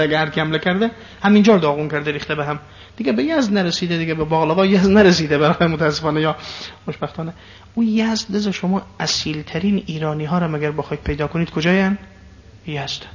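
A man giving a digressive lecture to an audience, stressing and repeating key phrases, sometimes speeding up when animated. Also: on the high side. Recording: dull lo-fi sound.

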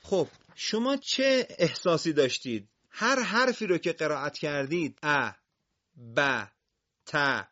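Man, patient reading teacher on a broadcast lesson, bright tense voice, slightly raised pitch, dull lo-fi audio. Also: expressive. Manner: patient, drills single syllables loudly.

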